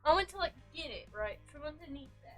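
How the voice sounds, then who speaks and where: A girlish woman livestreamer chatting casually with her viewers in a playful, bubbly, excitable way, like a gamer girl on a headset. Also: high voice, quick pace, faint music behind. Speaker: livestreamer greeting and answering chat. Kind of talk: casual gaming livestream chat.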